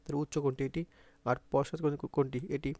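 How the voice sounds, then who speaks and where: Gravelly Bangladeshi man teaching a lesson. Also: medium pitch, flat delivery, fast talker, darkish tone, no room sound. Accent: Bangladeshi Bengali. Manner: repeats points, asks pupils to say sounds aloud. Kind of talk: exam-prep grammar lesson.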